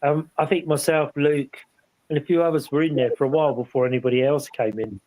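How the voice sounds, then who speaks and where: Rambling man, fairly high voice. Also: steady tone, fast talker, darkish tone, no echo, rough recording. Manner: rambling storyteller, restarts and trailing asides. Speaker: paranormal investigator panelist. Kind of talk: casual live chat, recounting an investigation.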